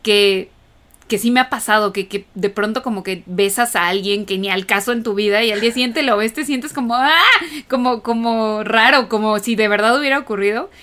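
A woman's voice: mid-range voice, brisk, a bit bright. A woman co-hosting a podcast, chatting casually and thinking aloud with many fillers. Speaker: podcast co-host.

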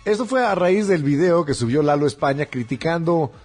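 A man's voice: fairly high pitch, expressive, a little fast, a little mellow, faint music behind. A Mexican man co-hosting a comedy show, teasing and slangy, laughing often in casual chat.

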